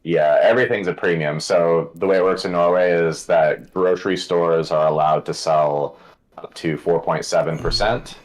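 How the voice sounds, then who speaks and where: A man from Colorado talks as a guest brewer, relaxed and explanatory. His voice sits low. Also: moderate pace. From Colorado, USA. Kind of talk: casual chat.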